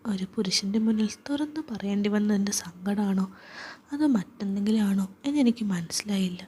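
A woman telling a first-person story in a hushed, whispered voice. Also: medium pitch, normal speed, a little hiss or hum.

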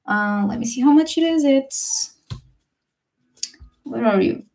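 Slow-talking woman chatting while painting. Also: sits high. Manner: slow, relaxed, chatty with fillers and small laughs. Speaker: watercolor artist streamer. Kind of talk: casual livestream chat while painting.

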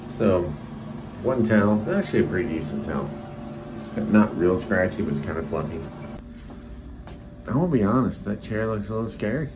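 A man in his forties chatting casually and bluntly in a rambling, mildly profane handheld vlog. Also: lowish voice. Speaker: travel vlogger. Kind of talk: casual vlog chat, reviewing a motel room. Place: hotel rooms and hallways, indoors. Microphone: phone at arm's length. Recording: noisy handheld phone recording.

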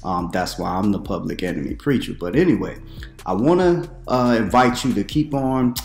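A man in his thirties, a preacher, giving casual commentary to camera from a room at home, conversational with questioning, animated asides. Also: fairly low pitch, moderate pace, vocal fry, roomy sound, faint music behind.

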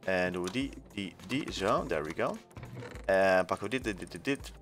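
A man's voice: deep voice, moderate pace, soft background music. A young man with a Dutch accent giving casual, jokey gameplay commentary to his viewers, swearing and full of fillers. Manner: energetic, jokey, swears, shouts when panicking; many fillers, talks to viewers. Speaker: gaming YouTuber.

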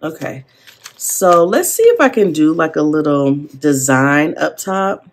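A woman chatting casually while decorating her planner, excitable and gushing, with rambling asides. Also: sits low, a little slow. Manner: excitable, gasping and gushing over stickers. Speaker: planner vlogger. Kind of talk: casual plan-with-me chat. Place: seated at a desk at home.

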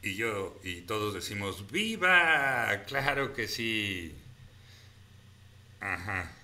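A man's voice: low voice, fairly even intonation, slow pace, sharp tone. A man hosting a live stream, casually reading out viewer comments and thanking people by name. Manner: chatty, reads viewer comments aloud and thanks them by name.

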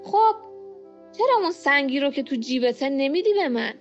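A woman voicing an evil, snake-faced male dark lord spirit who speaks with cold menace in a storybook reading. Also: sits high, very animated, faint music behind. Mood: menacing. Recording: muffled lo-fi home recording.

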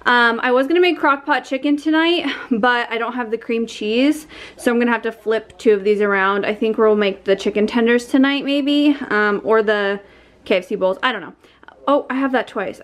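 Her voice is a little high with a fairly bright tone as this young adult vlogger talks casually and cheerfully to camera, filler words and all. She shoots handheld at arm's length, moving between her car and her kitchen at home.

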